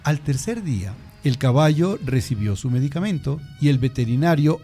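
Lively expressive male storyteller. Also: mid-range voice, moderate pace, faint music behind. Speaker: host. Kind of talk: storytelling a fable on a radio-style show.

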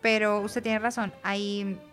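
A woman co-hosts a casual radio talk show. She explains things in an easy conversational flow at a middling pitch. Faint music runs under her voice. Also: level tone, slow pace. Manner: conversational, explains with gentle laughs. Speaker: radio co-host from an institute for the blind.

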